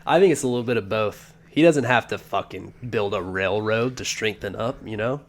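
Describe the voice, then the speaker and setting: A man's voice: lowish voice, normal speed. A man co-hosting a podcast, chatting casually with crude, profane banter. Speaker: podcast co-host. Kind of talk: casual chat.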